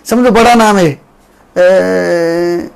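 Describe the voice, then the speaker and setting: A man preaching a devotional sermon, telling the story with repeated phrases and slowly chanted verses. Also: high voice, gravelly, clear, resonant tone, poor audio.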